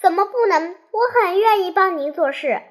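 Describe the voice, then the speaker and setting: A child voicing an eager, slightly timid young colt who answers brightly. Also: very high-pitched, moderate pace, voice pushed up.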